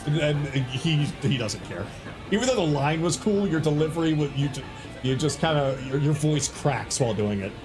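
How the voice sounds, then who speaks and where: A casual, foul-mouthed man narrating a tabletop game as its dungeon master. His voice sits fairly high and moves around a lot. Background music runs clearly under his talk. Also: expressive, normal speed. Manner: casual, laughing, swears freely. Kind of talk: running a tabletop game over voice chat.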